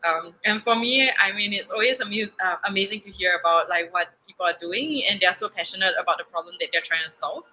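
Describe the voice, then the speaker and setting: Bright-voiced young Singaporean woman. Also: mid-range voice, quick pace, hardly any pauses, poor audio. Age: young adult. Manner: chatty, many fillers and restarts, laughs often. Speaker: podcast guest. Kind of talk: casual interview.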